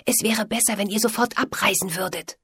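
A woman's voice: medium pitch, a little fast, fairly bright tone, slightly rough, no echo, studio quality, voice pushed up. A woman voicing an earnest, worried young stable boy who stammers and pleads. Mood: pleading.

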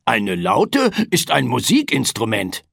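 A woman's voice: rumbling low, huge pitch swings, slow pace, vocal fry, slightly rough, no room sound, clean studio sound, exaggerated voice. A woman playing a bossy big-brother piglet. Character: older know-it-all piglet big brother.

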